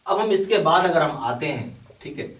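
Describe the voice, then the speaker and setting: A man's voice: a little high, lively intonation, normal speed, fairly bright tone, a little hiss or hum. Male exam tutor, emphatic and insistent, recorded in a roomy, echoey space. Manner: repeats "okay" often, urging and emphatic. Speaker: bank exam coaching teacher. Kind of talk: explaining a course to students. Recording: echoey room, mic at a distance.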